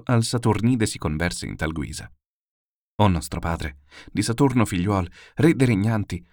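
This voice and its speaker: A man reading classical epic verse aloud in a steady, declamatory way. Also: low-pitched, no echo, clean studio sound. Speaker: narrator.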